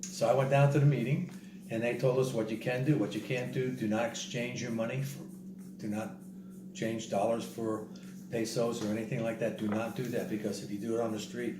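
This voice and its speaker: A man telling a casual story in an animated way, repeating himself and acting out what other people said. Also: mid-range voice, fairly quick. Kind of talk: casual spoken travel story. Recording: roomy, distant mic, noisy background.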